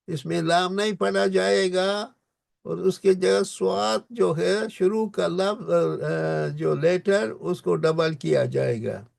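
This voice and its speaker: A man gives a lecture on reciting scripture, pausing to chant verses in long, slowly stretched syllables. His voice sits high and carries a gravelly edge. The sound is dry and close. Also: no room sound. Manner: slowly drawn-out recitation of verses between explanations. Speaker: teacher. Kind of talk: Quran recitation lesson.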